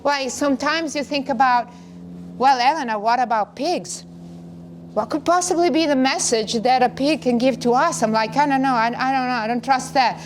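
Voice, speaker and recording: A woman's voice: sits high, moderate pace, slight background noise. A middle-aged woman from northern Italy, talking earnestly in long flowing phrases as a wellness co-host. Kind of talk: casual conversation.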